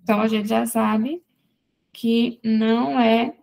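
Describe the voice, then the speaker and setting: A woman teacher works through exam questions in a grammar lesson. Her voice sits a little high, and she speaks at an unhurried pace. She moves step by step, posing quick questions and answering them herself. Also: steady tone, creaky, a little mellow. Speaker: Portuguese teacher.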